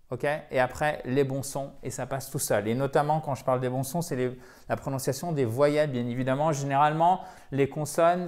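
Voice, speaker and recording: A man teaching English pronunciation in an online lesson, emphatic and repeating words slowly to drill them. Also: a little high, darkish tone.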